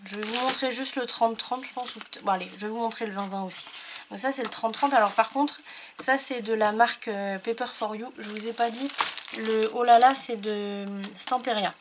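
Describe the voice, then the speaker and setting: A woman's voice: fairly high pitch, fairly even intonation, a little fast, very noisy. Chatty woman showing craft papers. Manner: chatty, hesitant with many fillers. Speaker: scrapbooking YouTuber. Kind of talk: casual product haul talk.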